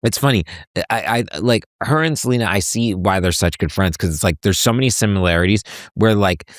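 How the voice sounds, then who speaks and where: A man's voice: lowish voice, a little fast, no room sound. A man chatting as a podcast guest in a studio, rambling and stopping to restart his thoughts. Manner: rambling, full of filler words and restarts. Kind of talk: casual chat.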